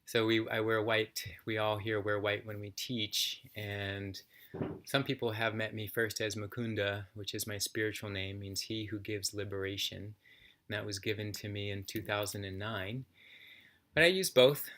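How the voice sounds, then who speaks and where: A man, a yoga teacher, reading a daily passage aloud and then reflecting on it in a calm, unhurried way. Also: lowish voice. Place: yoga center, indoors.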